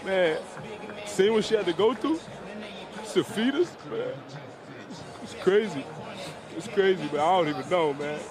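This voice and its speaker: A young man from the Bahamas, a newly drafted basketball player, speaking in a halting, emotional way in a post-draft interview. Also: high-pitched, lively intonation, music in the background. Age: young adult. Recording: interview with loud crowd behind.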